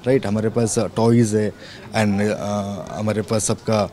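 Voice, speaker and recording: A man's voice: on the low side, slow pace. A man in his thirties, an area sales manager, answering interview questions in a children's clothing store, speaking into handheld mics held close and often adding "right". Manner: talks in a relaxed way, tags many phrases with "right" and "okay". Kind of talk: on-camera interview. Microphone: handheld reporters' mics held close.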